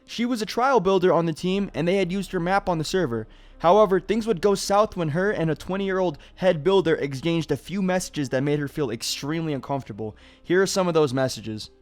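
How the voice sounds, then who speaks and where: A man's voice: a little high, a little fast. A man hosting a gaming commentary video, talking casually with lots of "you know" and "like". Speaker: gaming YouTuber.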